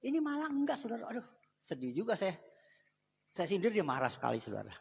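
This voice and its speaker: A man delivers a chatty, conversational sermon, sometimes breaking off into asides and personal stories. His voice sits fairly high for a man. The live church sanctuary gives a long, ringing reverb. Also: huge pitch swings, quick pace, creaky, darkish tone, slightly rough. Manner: conversational preaching, often addressing the congregation as saudara. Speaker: pastor. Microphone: live microphone.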